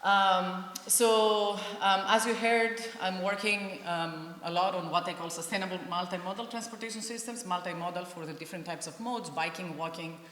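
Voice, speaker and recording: A woman's voice: on the low side, moderate pace, hardly any pauses, fairly bright tone. A middle-aged woman from Greece giving a friendly conference talk as an engineering professor, with frequent ums. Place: event hall. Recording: echoey hall with faint hiss.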